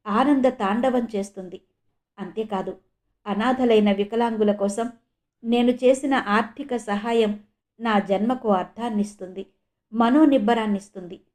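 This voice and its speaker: A woman's voice: mid-range voice, darkish tone, lightly acted. A woman voicing a proud man who has regained his ability to walk, speaking in an earnest, reflective way.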